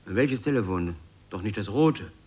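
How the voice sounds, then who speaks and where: A man's voice: on the low side, animated, measured pace, background noise. An actor playing an obsequious male finance minister with a servile, drawling manner in a satirical radio play.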